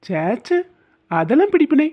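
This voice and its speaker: A woman's voice: sits high, very animated, unhurried, exaggerated voice. A woman voicing a young husband in a cartoon, doting and teasing, coaxing with playful scolding. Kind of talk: cartoon dubbing. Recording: tinny phone-like sound.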